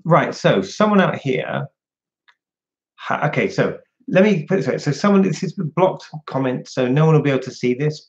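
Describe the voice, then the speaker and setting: A man hosting a casual livestream, chatting frankly and answering viewer questions from home. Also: medium pitch. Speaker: livestream host. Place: at home indoors. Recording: dull lo-fi home stream audio.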